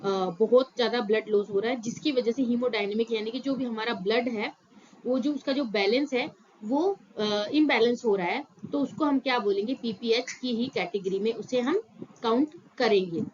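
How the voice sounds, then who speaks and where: Higher-pitched woman giving a nursing lecture. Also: normal speed, darkish tone, muffled recording, a little hiss or hum. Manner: explains in Hinglish, repeats terms, frequent fillers. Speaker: nursing tutor. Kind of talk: exam-prep lecture.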